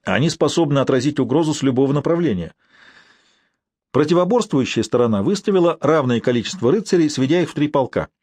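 A man narrates a historical tale in a steady, even storytelling manner. His voice sits at a middle pitch and is recorded close and dry, with no room sound around it. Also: dry recording. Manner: even storytelling with quoted dialogue. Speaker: audiobook narrator. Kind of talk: scripted narration.

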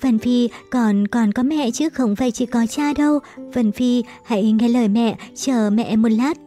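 A sickly, loving older mother, pleading and breathless with her son, as a woman reads her. The voice is mellow and soft, with faint music underneath in this storybook reading. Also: fairly high pitch, steady tone, normal speed, lightly acted.

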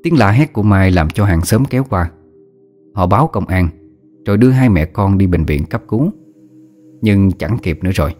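A man narrating a horror story in a steady, measured storytelling voice. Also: deep voice.

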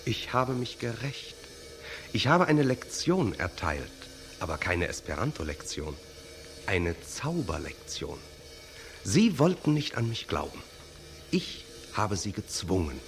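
Hypnotic stage magician. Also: male voice, on the low side, a little hiss or hum. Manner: hypnotic, declamatory, sweeping intonation. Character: mysterious vengeful male stage magician, theatrical. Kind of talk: 1920s radio play acting.

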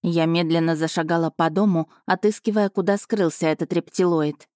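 A woman with a fairly low voice reads a first-person romance audiobook. Her tone is sarcastic and indignant, and the recording is close and dry. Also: steady tone, normal speed, dark tone, no echo. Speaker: audiobook narrator.

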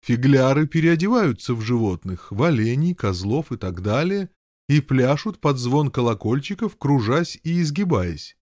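A man's voice: mid-range voice, very animated, moderate pace, a little mellow, no echo, studio quality. A man voicing an eager, bossy Saracen knight in an audiobook, pushing his odd ideas. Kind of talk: audiobook character voice.

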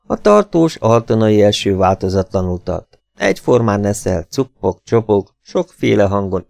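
A man reading a novel aloud as an expressive, dramatic audiobook narrator. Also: low voice, vocal fry, no room sound, clean studio sound.

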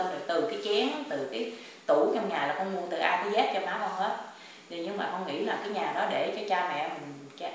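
Southern Vietnamese woman, rapid storyteller, distant mic in a very reverberant space with a faint hiss. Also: on the low side, fairly bright tone. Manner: rapid and tumbling, full of quoted speech. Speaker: client at a spiritual consultation. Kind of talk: emotional storytelling. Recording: echoey room, voice from afar, faint noise.

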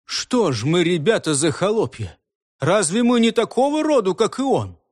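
A man's voice: sits high, sing-song, normal speed, darkish tone, no room sound, studio quality. A man voicing a bold young villager who mocks his father and rallies his friends. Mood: rallying. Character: bold young male villager, mocking and defiant.

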